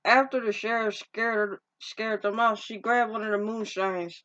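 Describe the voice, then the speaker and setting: A woman's voice: medium pitch, fairly even intonation, moderate pace, a bit bright, a little hiss or hum. A woman casually recapping a movie's plot in a rambling, informal way, often restarting her sentences and using slang. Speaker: movie reviewer. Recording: dull lo-fi recording.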